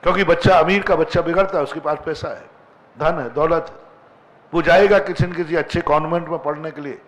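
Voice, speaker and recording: A man's voice: a little high, fairly quick, rough recording. A man, a monk preacher, delivering a sermon with emphatic rhetorical questions to an assembly. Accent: Hindi. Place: assembly hall with seated women.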